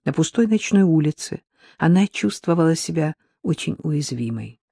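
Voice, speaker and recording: A man reading a crime novel aloud as narrator, in a steady storytelling manner. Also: a little high, normal speed, gravelly, husky, no room sound, clean studio sound. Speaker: audiobook narrator. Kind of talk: scripted narration.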